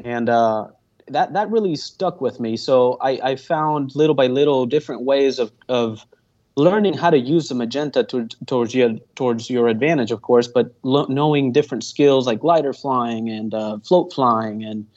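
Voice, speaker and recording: A man in his 20s from Venezuela, whose first language is Spanish, answers casual interview questions as a guest pilot. His voice is medium in pitch and darkish in tone at a normal speed, and he comes across as earnest, rambling a lot with many ums, fillers and restarts. The audio is dull, muffled and lo-fi.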